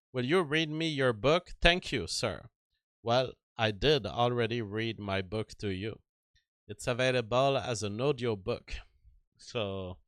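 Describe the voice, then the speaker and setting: A man hosting a solo livestream, giving opinionated commentary in a deliberate manner with rhetorical questions and repetition. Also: medium pitch, pushed and bright, clean tone, no room sound, studio quality. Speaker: livestream host.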